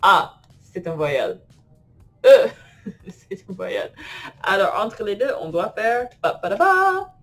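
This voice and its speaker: A woman's voice: medium pitch, animated, takes it slowly, pauses often, faint music behind. A woman teaching French grammar in an online lesson, playful and laughing often as she types and talks to herself.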